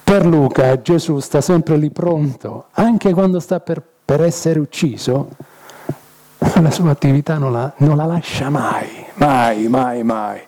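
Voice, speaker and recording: A man's voice: on the high side, slow pace, warm tone. A man teaching an informal Bible study, chatty and jokey, tossing in rhetorical "eh?" asides.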